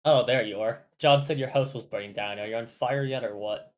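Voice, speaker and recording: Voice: medium pitch, brisk, close to an everyday voice. A reader voicing a laid-back but uneasy teenage boy who rambles and swears casually. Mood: rambling.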